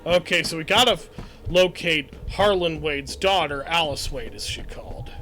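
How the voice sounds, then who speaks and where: A man's voice: a little high, normal speed, pushed and bright, soft background music. A man giving casual, chatty let's-play commentary as he plays through a shooter game, often chuckling at it. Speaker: gaming channel host.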